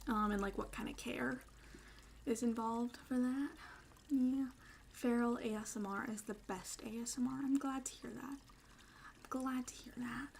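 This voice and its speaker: A young adult woman streamer in quiet, casual ASMR chat, playful and rambling, sometimes dropping into soft whispers. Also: a little high, fairly even intonation, normal speed, gravelly, slight background noise.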